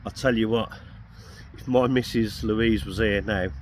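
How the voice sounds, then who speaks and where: Man, croaky throat, rambling self-mocking camp vlogger, light road noise behind. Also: on the low side, fairly even intonation, unhurried. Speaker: camping vlogger. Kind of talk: casual chat to camera. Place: outdoors at an urban roundabout camp at night.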